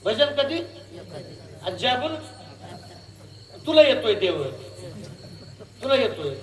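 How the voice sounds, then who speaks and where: A man giving a devotional kirtan sermon, moving between sung verses and spoken preaching, asking the audience questions in an animated way. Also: extremely high pitch, takes it slowly, roomy sound.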